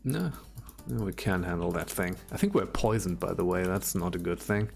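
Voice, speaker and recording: A man's voice: sits low, expressive, normal speed, gravelly, a little mellow. A man casually commenting as he plays old computer games on a stream, chatty and swearing now and then, with game music behind him. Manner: chatty, swears while playing.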